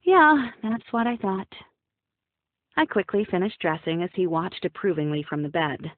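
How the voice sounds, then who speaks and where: A woman's voice: on the low side, moderate pace, dry recording. A young woman narrating an audiobook in the first person, wry and playful. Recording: dry, phone-like narrow sound.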